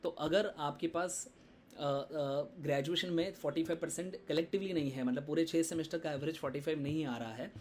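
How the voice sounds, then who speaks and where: A man's voice: a little high, darkish tone, a little hiss or hum. A man giving a casual tutorial on admission paperwork, stopping often to check in with his viewers. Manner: conversational, code-switching in English, frequent "theek hai" check-ins. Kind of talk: screen-share explainer lesson.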